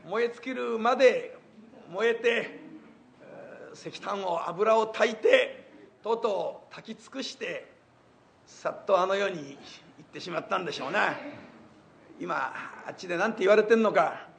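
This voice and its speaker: An older man telling stage reminiscences in rough, colloquial speech with wry asides. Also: high-pitched, unhurried, a little hiss or hum. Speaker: comic storyteller.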